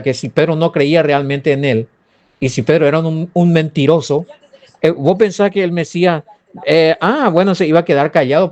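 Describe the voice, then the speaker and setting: A Paraguayan-accented male pastor with a somewhat high voice walks through a Bible passage. He answers listener comments and fires rhetorical questions right at them. His delivery is lively and conversational. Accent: Paraguayan Spanish. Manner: animated, rhetorical questions, addresses listeners directly.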